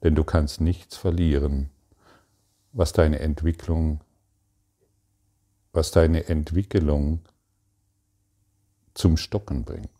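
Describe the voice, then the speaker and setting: Deep and bass-toned, this spiritual teacher speaks calmly and meditatively straight to the listener. His probing questions come out in hesitant, broken phrases.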